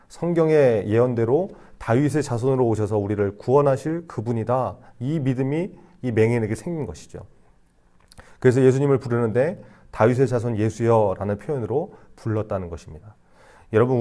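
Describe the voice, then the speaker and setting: A man preaching to young people in a relaxed, chatty way. He speaks at an ordinary middle pitch with a dark, mellow tone. He keeps asking his listeners questions and acts out short lines in other voices. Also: fairly quick. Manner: conversational preaching with acted-out voices and rhetorical questions. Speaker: youth pastor. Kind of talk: sermon. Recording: re-recorded sermon broadcast.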